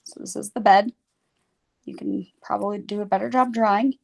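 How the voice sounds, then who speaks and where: Teaching a children's phonics lesson, this young woman draws while chatting casually and dropping "like" often. Her medium-pitched voice is steady and creaky, at a moderate pace.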